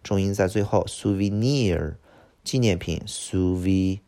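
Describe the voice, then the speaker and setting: A middle-aged man teaching English vocabulary, stumbling over filler words and slowly repeating each word he teaches. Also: sits low, little pitch movement, dark tone. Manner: lots of "这个" filler, drawn-out slow repeats of words. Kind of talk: vocabulary lesson.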